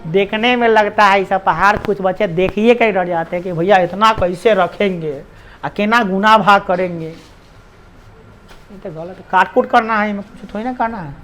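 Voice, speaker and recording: This maths teacher's voice is high-pitched and fairly bright, moving at a moderate pace, with a Bihari Hindi accent. His classroom lesson is chatty and teasing, punctuated by jokes between steps.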